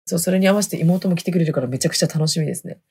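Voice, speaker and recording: Husky-voiced chatty woman podcast host. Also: on the low side, very fast, mellow. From Hokkaido. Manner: chatty, laughs often, dialect sentence endings. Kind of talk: casual storytelling chat.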